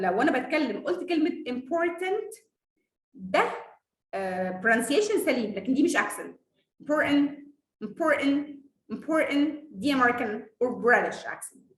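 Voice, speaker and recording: Egyptian woman, Egyptian Arabic accent, English teacher, confident, high voice, echoey room. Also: moderate pace. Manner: confident, lively, laughs often. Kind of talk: casual online lesson.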